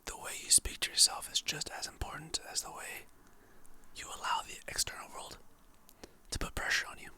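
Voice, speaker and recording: An adult ASMR creator whispering softly and slowly, reading calming quotes in an encouraging way. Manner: soft, relaxed, slow-paced, encouraging.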